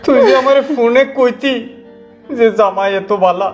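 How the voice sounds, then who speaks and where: A man's voice: extremely high pitch, moderate pace, faint music behind. A man playing a sick, heartbroken old father. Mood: tearful. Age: older. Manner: sorrowful, pleading, tender. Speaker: wife's ailing father. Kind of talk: short-film acting.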